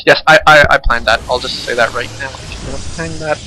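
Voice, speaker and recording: A man's voice: medium pitch, fairly even intonation, fast, pushed and bright, slight background noise, poor audio. A young man casually commentating a strategy game replay, joking and sarcastic.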